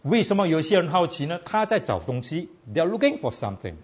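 Man, preacher, animated pitch, husky, lo-fi recording. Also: fast talker. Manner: animated, asks the audience "all right?" often. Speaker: preacher teaching a Bible class. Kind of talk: casual sermon mixing Chinese and English.

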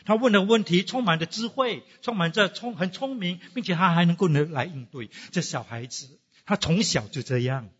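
A man's voice: high voice, moderate pace, a bit bright, breathy edge, big-room sound, lo-fi sound. A man preaching a sermon, asking his congregation rhetorical questions and dropping English phrases into his talk. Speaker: pastor.

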